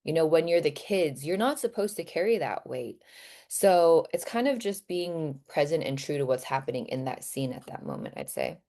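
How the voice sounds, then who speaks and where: An American actress as a podcast guest, speaking earnestly and casually with frequent fillers. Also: female voice, deep voice, sing-song, moderate pace, dark tone. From United States. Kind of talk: podcast interview.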